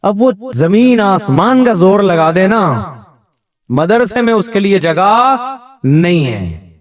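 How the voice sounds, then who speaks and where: A male Islamic scholar talks in a casual, storytelling way, his voice sitting somewhat high for a man. He slips into the voices of the people in his anecdotes as he tells them. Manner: animated storyteller who acts out others' speech. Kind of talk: casual religious talk with anecdotes.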